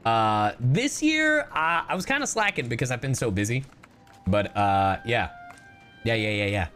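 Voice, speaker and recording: A man's voice: medium pitch, big pitch swings, moderate pace, fairly bright tone, soft background music. A male streamer giving casual, chatty gameplay commentary and swearing freely.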